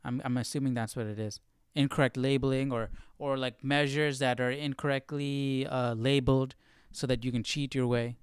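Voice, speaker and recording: A man hosts a Bible study livestream, giving casual live commentary on verses and frequently checking for agreement with short tag questions. His clear, resonant voice is medium-pitched and fairly even, at a moderate pace with no room sound.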